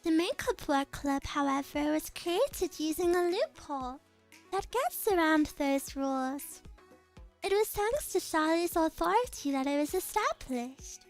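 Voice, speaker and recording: Woman playing a high-voiced, composed schoolgirl leader. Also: animated, soft background music. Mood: cool, measured. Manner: formal, measured, deliberate. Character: composed, grave, refined academy schoolgirl leader. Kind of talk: visual novel game dialogue read aloud.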